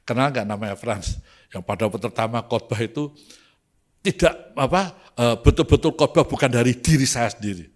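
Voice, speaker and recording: A man with an East Javanese accent, a pastor preaching a sermon at a church service, moving from quiet storytelling to fiery, shouted preaching. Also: medium pitch, moderate pace. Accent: Javanese, East Java.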